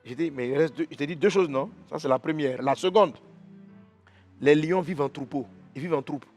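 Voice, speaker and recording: A man preacher tells an animal fable with lively energy, his voice sitting a little high. Soft music plays behind him in the church. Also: a little fast. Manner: lively storyteller acting out animals, roaring. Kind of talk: devotional storytelling sermon.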